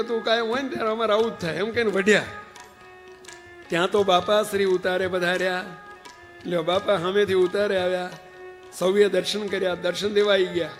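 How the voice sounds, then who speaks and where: Man, high voice, storytelling sermon, addresses listeners, long hall echo, faint music behind. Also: a bit bright. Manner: narrates anecdotes and addresses listeners directly. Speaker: spiritual preacher. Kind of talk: storytelling sermon explaining a devotional hymn.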